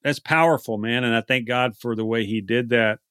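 A man's voice: mid-range voice, fairly even intonation, moderate pace, a bit bright, clean tone, dry recording, studio quality. Rambling Texan man hosting a podcast. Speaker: podcast host. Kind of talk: casual interview chat.

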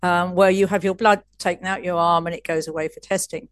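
A woman's voice: fairly low pitch, steady tone, fairly quick, dry recording, clean studio sound. A woman coach as an interview guest, telling stories in a chatty way with frequent restarts and laughs. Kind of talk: casual interview storytelling.

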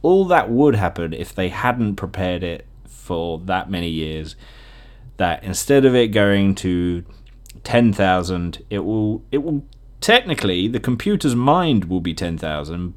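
With a low, expressive voice and an unhurried pace, this podcast host chats on his own in a casual, joking way. He frequently laughs at what he says and performs imagined quotes.

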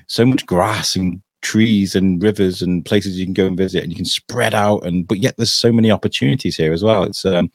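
Low British man, rambling podcast host. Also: fairly even intonation, fairly quick, hardly any pauses, dry recording, studio quality. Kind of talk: casual chat.

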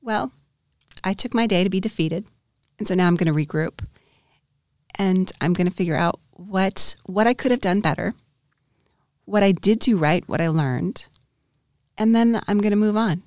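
A woman's voice: medium pitch, moderate pace, pauses often, darkish tone, no echo, studio quality. A woman dentist co-hosting a podcast, talking candidly and reflectively in a casual conversation. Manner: candid, reflective, with small restarts.

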